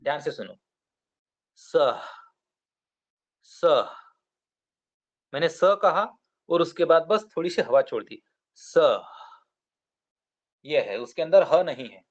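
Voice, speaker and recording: A man teaching Sanskrit to children in a classroom, patiently spelling out words and sounds slowly. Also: a little high, lively intonation, dull audio. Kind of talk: classroom explanation.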